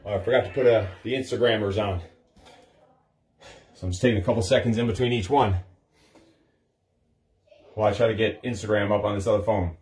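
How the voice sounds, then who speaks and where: A man's voice: fairly low pitch, steady tone, brisk, pauses often, darkish tone. A man, a personal trainer, chatting casually to a livestream while doing push-ups, tired from long physical exertion. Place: small carpeted home office, indoors. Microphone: phone on a stand a step or two away.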